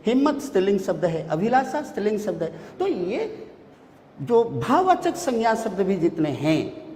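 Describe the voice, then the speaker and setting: A man's voice: high-pitched, big pitch swings, darkish tone, slight background noise. Man teaching grammar in an echoey hall. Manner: lists words one by one with many pauses. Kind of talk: classroom grammar lesson. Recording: echoey room with long reverb.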